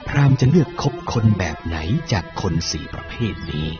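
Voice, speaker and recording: A man voicing a calm, wise spiritual teacher in a dramatised story, with a measured, didactic manner. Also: low voice. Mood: calm, questioning. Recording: dull lo-fi audio with clear music behind.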